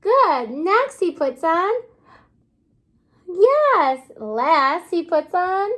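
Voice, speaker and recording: With a high pitch and an unhurried, animated pace, a kindergarten teacher reads to her young class, pausing expressively and asking the children questions as she goes.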